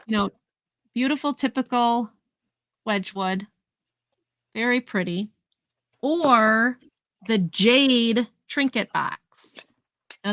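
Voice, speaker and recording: A woman's voice: fairly high pitch, sharp tone, no room sound. A woman hosting a casual live vintage sale, chatting as she describes each item in detail and counts down the sales. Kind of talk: casual live-stream selling.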